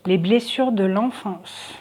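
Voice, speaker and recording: A woman's voice: mid-range voice, takes it slowly, a little mellow, a little hiss or hum. A woman doing a casual tarot card reading for viewers, thinking aloud with many hesitations.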